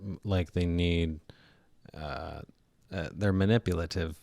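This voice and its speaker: Very deep-voiced laid-back male co-host. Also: slow pace, gravelly, no room sound. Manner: relaxed, laid-back, laughs along. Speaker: podcast co-host. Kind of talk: casual chat.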